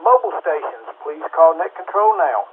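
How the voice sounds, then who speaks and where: A man running an amateur radio net as net control, reading the preamble and calling for check-ins in a steady, procedural way over a two-way radio transmission with static. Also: a little high, normal speed. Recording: tinny radio with faint static hiss.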